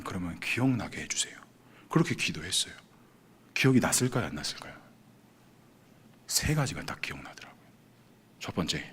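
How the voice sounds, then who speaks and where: A man's voice: lowish voice, slightly rough. A male pastor giving a sermon testimony, acting out his own past prayers and thoughts as he tells the story.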